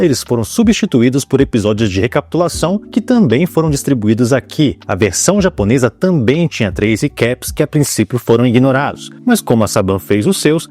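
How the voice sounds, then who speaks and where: A man's voice: medium pitch, mellow. A Brazilian man doing scripted documentary-style narration with playful, colloquial asides. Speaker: video host narrator. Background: background music.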